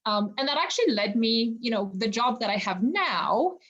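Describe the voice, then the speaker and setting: A Zimbabwean woman joins a podcast as a guest over a remote call from home, speaking in a casual interview. Her voice sits on the high side with lively intonation, a moderate pace and a fairly bright tone, though the audio is dull. She comes across as earnest and reflective, using lots of fillers like "you know."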